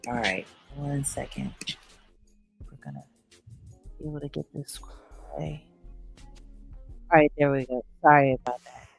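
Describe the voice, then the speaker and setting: A woman's voice: a bass voice, steady tone, moderate pace, vocal fry, pauses often, breathy edge, faint music behind. A woman on a video call whose voice sounds muffled, as if through a wall, because her computer is picking up the wrong mic; she is fumbling with her audio setup and apologizing. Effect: muffled sound, as if heard through a wall, from the wrong mic being picked up. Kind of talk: casual online chat.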